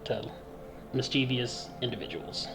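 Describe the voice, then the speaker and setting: A man running a tabletop game as game master, narrating in a loose, halting way. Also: mid-range voice, over music.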